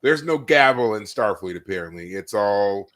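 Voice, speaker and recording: A man co-hosting a casual podcast chat who retells favorite scenes with mounting energy. He gets excited and punctuates his stories with loud bursts. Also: on the low side, moderate pace. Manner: animated storyteller, acts out scenes with loud exclamations. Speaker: podcast co-host. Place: live podcast recording.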